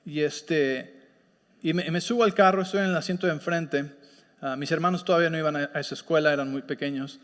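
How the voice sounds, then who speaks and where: A man's voice: a little high, steady tone, a little fast. A pastor preaching in a conversational way, often checking whether his listeners follow him. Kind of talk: sermon with personal story. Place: church sanctuary. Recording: long reverb of a church hall.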